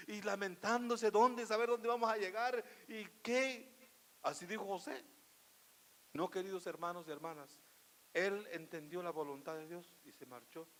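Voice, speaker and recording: A man preaching a sermon as pastor, emphatic and full of rhetorical questions, his delivery swinging between loud and hushed. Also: high-pitched. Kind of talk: Spanish-language sermon. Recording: long hall reverb.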